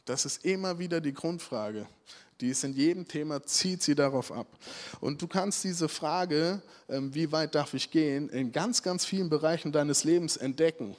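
A man's voice: on the high side, moderate pace, a little mellow. A man preaching a conversational sermon, asking rhetorical questions and often checking in with his listeners. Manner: rhetorical questions, frequent "right?" check-ins.

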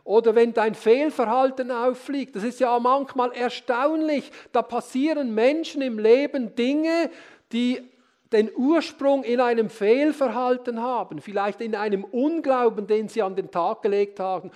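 A man giving a sermon in a calm, earnest preaching manner, often checking in with his listeners through short rhetorical questions. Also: high-pitched.

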